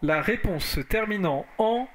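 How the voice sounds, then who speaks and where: A man's voice: sits high, animated, unhurried. A man hosting a quiz in a casual game-show style, explaining rules and scores over a noisy online call. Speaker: quiz host.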